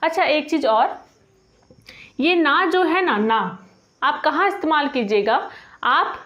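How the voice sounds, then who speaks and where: A woman teaching a spoken grammar lesson, patiently repeating each example and slowing down on the example phrases. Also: sits high, lively intonation, a bit bright. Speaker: language teacher.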